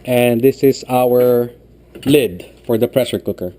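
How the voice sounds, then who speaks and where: A man's voice: mid-range voice, a little slow, warm tone, a little hiss or hum. A man explaining a cooking recipe step by step in a patient way, often checking in with "okay". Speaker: home cooking instructor. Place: home kitchen.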